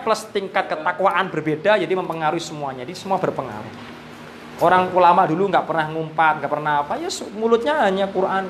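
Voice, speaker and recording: A man from Indonesia with a Javanese accent, teaching a live Quran reading class in a relaxed way, with Javanese words mixed in. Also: high-pitched, a little hiss or hum.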